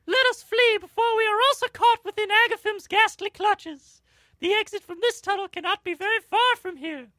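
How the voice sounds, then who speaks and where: A man voicing a frightened young noblewoman in a shrill, overwrought falsetto. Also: normal speed, pushed and bright, no echo. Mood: pleading.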